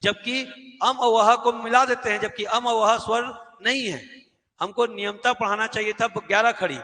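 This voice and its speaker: A man teaches an exam-prep class in a high, bright voice. He asks questions, answers them himself and repeats the key words. Long reverb from the echoey classroom trails behind him. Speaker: Hindi teacher.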